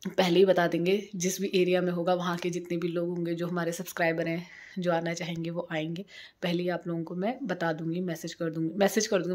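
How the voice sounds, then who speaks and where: Seated indoors by a sunny window at home, a woman in her thirties, a vlogger and single mother, chats casually to the camera. Her fairly low, darkish voice rambles and repeats itself.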